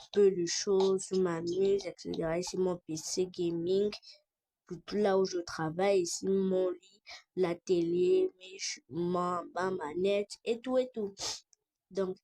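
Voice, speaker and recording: Young woman secretly filming a home vlog, played by a woman, amateur web drama, unhurried and halting, mid-pitched. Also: mellow. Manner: slow, halting delivery with restarts. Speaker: vlogger.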